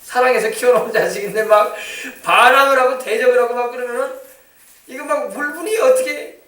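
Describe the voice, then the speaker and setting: A man's voice: extremely high pitch, a little fast, sharp tone, reverberant, recorded from a distance. A male pastor preaching a sermon in a conversational way, acting out what parents and children would say. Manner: conversational preaching with acted-out family quotes. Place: church sanctuary.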